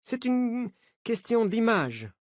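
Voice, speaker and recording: A man's voice: extremely high pitch, big pitch swings, slow, dry recording, studio quality, pitched above the performer's own voice, heavily acted. A man voicing a pushy sports coach who speaks French with an American accent, insistent and reassuring, groping for words. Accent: American (put on, in French). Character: pushy middle-aged male sports coach. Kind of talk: audiobook character voice.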